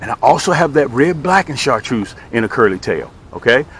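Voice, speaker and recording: His mid-range voice is sing-song, fairly quick and fairly bright with a breathy edge. He hosts an outdoor fishing show, chatting exclaimingly and repeating himself for emphasis while demonstrating and selling tackle.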